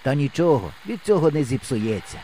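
A man reading an audiobook voices a calm, modest city boy who talks simply and kindly. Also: mid-range voice, fairly quick, background noise, close to an everyday voice. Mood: friendly. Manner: simple, friendly, unboastful. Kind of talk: audiobook character voice.

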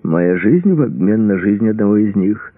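A man's voice: on the low side, animated, normal speed, husky, dry recording, narrow, tinny audio, pitched above the performer's own voice. A man reading an audiobook voices a frightened enemy officer who begs and bargains in a trembling voice. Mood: pleading.

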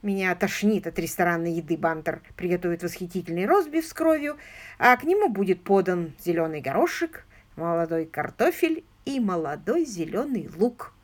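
A woman doing an eager aristocratic gentleman sleuth. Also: fairly low pitch, animated, normal speed. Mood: cheerful, inviting. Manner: eager, insistent questioning. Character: lively aristocratic English gentleman sleuth, man. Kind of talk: audiobook character reading.

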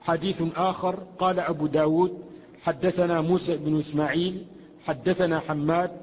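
A man's voice: fairly high pitch, flat delivery, a little fast, husky. A man reading a classical text aloud for a lesson, carefully reciting and restarting on hard words. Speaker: student reader. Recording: echoey hall, muffled lo-fi recording.

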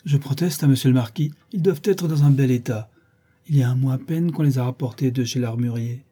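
A man's voice: mid-range voice, brisk, mellow, slightly rough, close to an everyday voice. A man voicing a devoted, anxious old valet who pleads with his master in a trembling voice. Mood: pleading.

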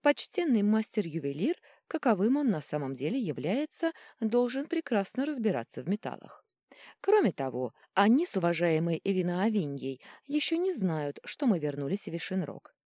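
A woman's voice: mid-range voice, big pitch swings, normal speed, darkish tone, no room sound, studio quality, voice pushed up. A woman voicing a stern, formal older female gnome warrior who grumbles in an audiobook. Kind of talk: audiobook reading.

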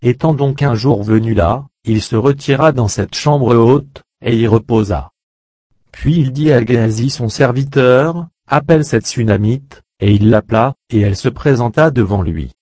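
A man reading an old French Bible translation aloud as steady scripted narration. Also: medium pitch, moderate pace, no echo, clean studio sound. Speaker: Bible reader.

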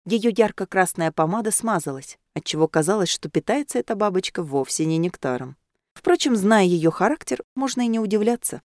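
A woman narrating a novel in an expressive storytelling manner. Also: mid-range voice, brisk, no echo, clean studio sound. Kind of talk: audiobook narration.

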